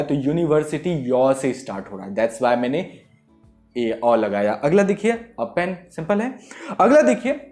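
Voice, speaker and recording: A young man with a fairly high voice teaches English grammar to students, lively and repetitive, frequently checking that they understood. The room is echoey.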